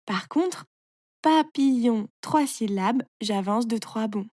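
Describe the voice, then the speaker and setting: A woman's voice: on the high side, lively intonation, slow pace, a little mellow, no echo, studio quality. A woman doing Léo, a boastful young hare. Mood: eager. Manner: brash, boastful.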